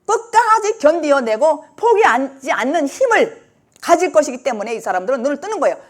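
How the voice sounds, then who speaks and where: A woman's voice: high-pitched, a little fast. A woman pastor preaching a sermon emphatically, sometimes acting out the cries of the people she describes. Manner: emphatic, lively preaching that acts out the blind man's cries.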